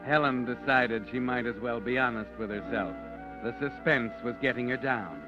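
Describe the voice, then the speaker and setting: An actor playing a mysterious male narrator who walks by night and knows secrets, telling the story in a deliberate, ominous 1940s radio style. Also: medium pitch, natural voice. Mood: brooding. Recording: dull lo-fi old radio recording with music.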